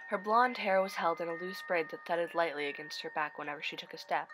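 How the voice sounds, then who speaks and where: Female horror-story narrator, lowish bright voice, scripted read over faint music. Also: rough recording. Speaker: narrator of online horror stories.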